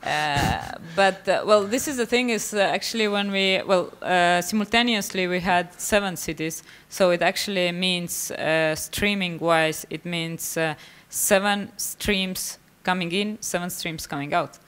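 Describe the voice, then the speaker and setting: A woman from Estonia, giving a live conference talk in a halting way, full of fillers and restarts. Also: fairly low pitch, fairly bright tone, smooth. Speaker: conference presenter, artist.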